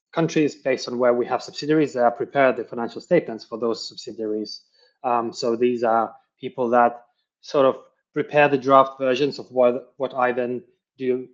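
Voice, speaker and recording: A man in his forties from Lithuania, a finance professional answering interview questions in a halting way, full of fillers and restarts. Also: medium pitch, a little mellow. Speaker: financial controller, webinar guest. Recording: dull lo-fi audio.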